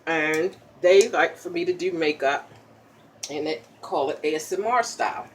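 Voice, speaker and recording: A chatty woman walks through a casual makeup tutorial, popping gum as she talks. She keeps checking in with a quick "okay?" after each step, over a faint hum behind her. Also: deep voice. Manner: pops chewing gum while talking.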